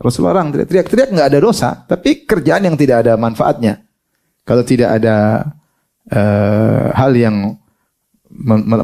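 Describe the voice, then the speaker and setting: A man preaching at a religious study session, lively, often asking rhetorical questions and answering them himself. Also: medium pitch. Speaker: Islamic preacher.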